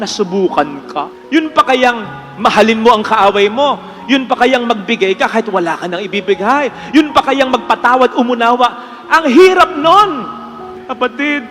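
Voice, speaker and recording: Very high-voiced priest preaching earnestly. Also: male voice, sharp tone, big-room sound. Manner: earnest, emphatic, mixes English phrases. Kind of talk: homily. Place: church with congregation.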